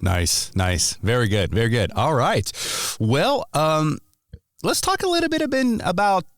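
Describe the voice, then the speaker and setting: A man hosting a podcast interview, lively and encouraging, with quick affirmations. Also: fairly high pitch, dry recording, clean studio sound. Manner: lively, laughs readily, encouraging backchannels. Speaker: podcast host. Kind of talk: conversational interview.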